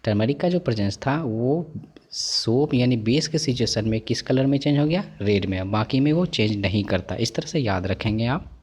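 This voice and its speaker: Male teacher, coaxing classroom delivery, repeats key points, average pitch. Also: darkish tone, husky. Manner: repetitive, coaxing, asks and answers own questions. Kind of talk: explaining memory tricks to students.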